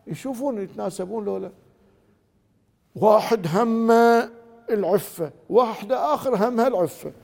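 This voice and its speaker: A man's voice: sits high, creaky, long reverb tail. A man with a Gulf Arabic accent giving a religious lecture on marriage, acting out quoted husbands and wives as he goes. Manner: acts out quoted spouses in lively dialogue.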